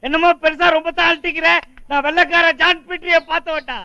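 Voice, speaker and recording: A man's voice: high-pitched, moderate pace, a bit bright. An actor playing a proud, stubborn but tender-hearted old grandfather who scolds and pleads in everyday speech. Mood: defiant. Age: older. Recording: muffled film audio with music.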